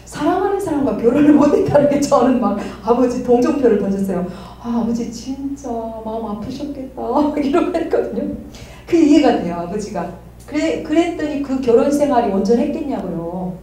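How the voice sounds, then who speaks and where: A woman's voice: high-pitched, animated, brisk, mellow, a little hiss or hum. A middle-aged woman candidly sharing a personal testimony at a church study group, often laughing as she talks. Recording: distant mic in an echoey room.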